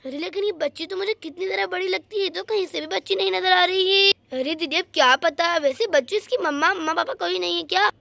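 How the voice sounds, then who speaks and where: A woman voicing a curious village mother in a homemade doll story. She speaks in a lively, exclamatory way, very high and bright, with a gravelly edge. The sound is dry and close. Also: fast, few pauses, no room sound. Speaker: doll story narrator and voice artist. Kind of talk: acted doll story with many voices.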